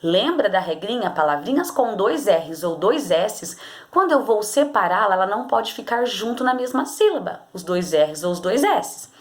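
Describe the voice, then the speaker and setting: A woman's voice: medium pitch, very animated, normal speed. Brazilian lady teacher walking kids thru exercises, patient, voice jumps around a lot. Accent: Brazilian Portuguese. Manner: patient, explaining step by step, often checking with "tá?". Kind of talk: recorded remote class lesson.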